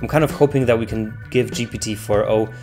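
A man's voice: lowish voice, fairly even intonation, fast talker, darkish tone, soft background music. A man hosting a tech video with casual commentary, chatty and given to joking asides.

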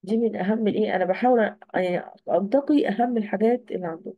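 A woman teacher with an Egyptian Arabic accent gives an online exam review, posing questions and answering them herself. Her medium-pitched voice races along, and the sound is phone-quality with no echo.

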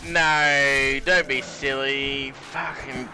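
A man, hosting drunken gameplay commentary with loud swearing and laughing outbursts. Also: mid-range voice, flat delivery, extremely slow, background noise. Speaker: gaming channel host.

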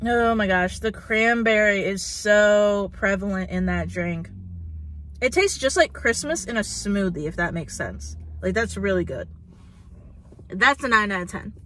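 Speaking a little slowly and expressively, with a medium-pitched, fairly bright voice and some hiss or hum in the recording, a young food vlogger chats through a review. She's in her twenties, parked in her car with a phone camera on the dashboard, filling her speech with "like" and "um."

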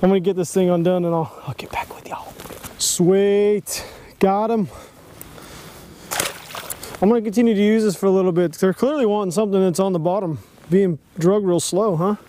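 A high-voiced young man chats excitedly as he fishes from a bass boat. His tone is mellow rather than bright. A boat-mounted action camera picks him up over faint outdoor noise. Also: normal speed. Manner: excitable, chatty, lots of exclamations. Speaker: fishing vlogger. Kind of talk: casual outdoor chat while fishing.

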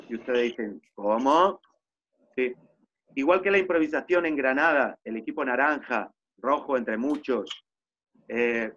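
A man's voice: a little high, fairly bright tone. A man teaching an online storytelling class, telling a story theatrically and asking rhetorical questions. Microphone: video call. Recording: muffled video-call audio.

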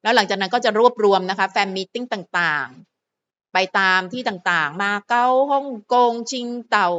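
A woman's voice: medium pitch, fairly bright tone, muffled recording. A woman hosting her own fan channel, chatting playfully to viewers and to herself in a casual solo vlog.

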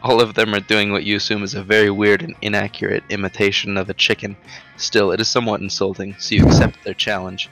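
A man's voice: lowish voice, fairly bright tone, low-quality recording. A man in a casual let's play with friends, joking and reading game text aloud with some ham.

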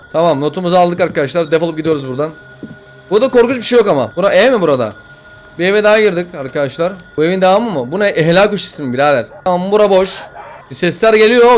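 A young man playing a horror game, swearing, joking and yelling at the game as he comments. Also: high voice. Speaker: gaming YouTuber.

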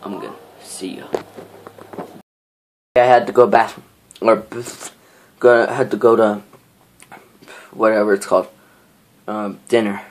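Slow-talking, jittery young man vlogging. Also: on the low side, steady tone. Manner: jittery, easily frightened, rambling with fillers. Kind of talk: casual vlog reaction. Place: indoors at home, in a dim room. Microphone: handheld camera mic.

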